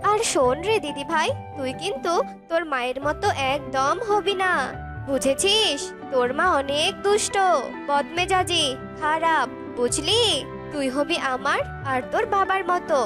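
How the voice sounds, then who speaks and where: A woman voicing a spiteful, nagging old bird grandmother who scolds her daughter-in-law in a cartoon. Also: very high-pitched. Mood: sweet-talking.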